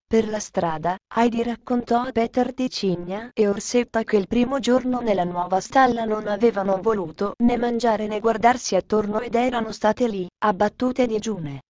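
Woman calmly narrating a storybook. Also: a little high, normal speed, hardly any pauses, a crowd in the background.

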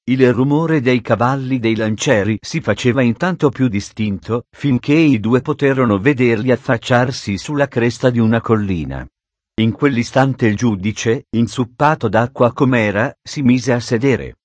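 A man's voice: medium pitch, moderate pace, no echo. Man reading a story in a dry voice. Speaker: narrator.

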